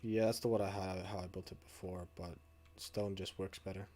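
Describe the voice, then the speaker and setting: In a deep, dark voice with a flat delivery and moderate pace, a man livestreams a video game, chatting casually while muttering and swearing as he plays.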